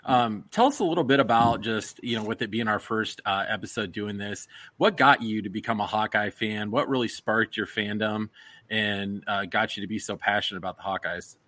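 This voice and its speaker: A man's voice: fairly low pitch, moderate pace, a bit bright, no echo. A man hosting a podcast over a video call, joking and upbeat in casual chat. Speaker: podcast host.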